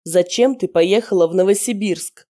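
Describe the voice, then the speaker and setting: A commanding young male werewolf, voiced by a woman reader in her own register. He gives curt, clipped orders in a warm, mellow tone. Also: medium pitch, moderate pace, natural voice.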